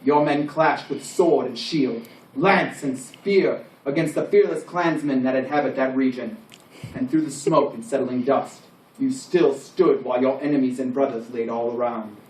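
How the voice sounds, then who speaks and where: A man's voice: mid-range voice, moderate pace, a little mellow, lightly acted. A man playing a solemn, proud medieval king, giving a formal, declamatory ceremonial speech. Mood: solemn praise. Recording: roomy, distant microphone, faint background noise.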